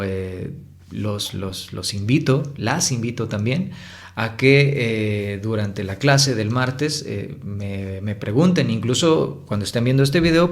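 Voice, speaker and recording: Male tutor, patient explainer, drawn-out example words, casual fillers. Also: medium pitch. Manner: explanatory, repeats words slowly to stress syllables, frequent fillers. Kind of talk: recorded lesson.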